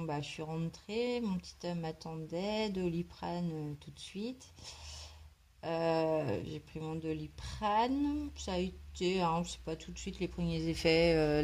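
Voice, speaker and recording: A woman's voice: lowish voice, a little mellow, slight background noise. A woman chatting casually to her vlog while she colours, hesitant and rambling as she thinks aloud. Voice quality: slight smoker's cough. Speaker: craft vlogger colouring in a book.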